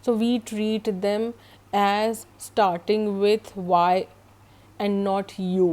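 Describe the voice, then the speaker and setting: A woman with an Indian accent teaching English grammar, mixing Hindi and English, slow and deliberate, repeating and spelling out her examples. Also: medium pitch, warm tone.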